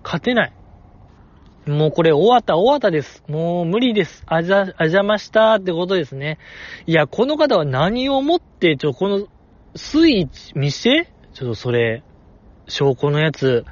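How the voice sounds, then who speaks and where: A man with a Kansai accent, hosting a casual chat and reading listener messages, talking in excitable, exaggerated bursts. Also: fairly high pitch, moderate pace, muffled recording.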